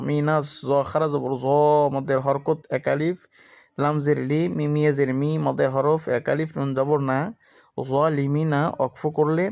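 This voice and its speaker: A man teaching Quran reading, spelling out letters and vowel marks in a steady chant, and reciting verses in a slow, drawn-out style. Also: on the high side, creaky. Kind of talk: letter-by-letter tajweed lesson.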